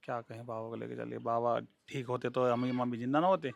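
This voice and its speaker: A man's voice: medium pitch, level tone, fairly quick, vocal fry, no room sound. A man, giving plain, blunt answers to a reporter. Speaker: interviewee, son. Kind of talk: field interview answers.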